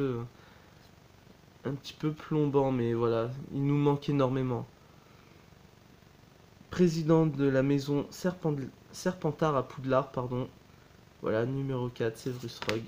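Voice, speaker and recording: A man's voice: medium pitch, a little mellow, a little hiss or hum. A man chatting casually as he shows a DVD box set, talking in a loose, hesitant way and often correcting himself. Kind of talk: casual unboxing chat.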